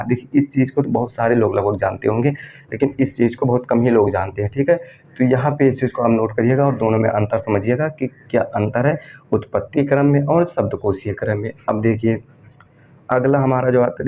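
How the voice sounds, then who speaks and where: A man teaching an exam-prep grammar lesson, asking questions and answering them himself and repeating key terms. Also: medium pitch. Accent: Hindi, from northern India. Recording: dull lo-fi recording with faint background noise.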